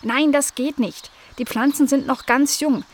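Voicing the same friendly young dog and garden owner from a children's storybook, a woman now sounds scolding, speaking a little slowly in warm, firm bursts with a high, bright pitch. The pup gets bossy with misbehaving guests, and a faint hiss or hum sits under the recording.

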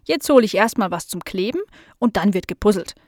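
A woman's voice: mid-range voice, expressive, brisk, dry recording, natural voice. A woman playing a kind fussing aunt for a storybook, natural tone, dry close sound. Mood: praising. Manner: warm scolding, then fond praise. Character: kind adult aunt, easily startled.

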